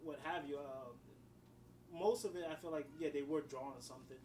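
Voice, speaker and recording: A man's voice: on the high side, normal speed, a little mellow, recorded from a distance, low-quality recording. A man co-hosts a casual podcast, his slightly raised voice sounding set back from the microphone. He rambles along, leaning on fillers. A faint hiss runs underneath. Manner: rambling, many fillers like "you know" and "whatnot". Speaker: podcast co-host, writer.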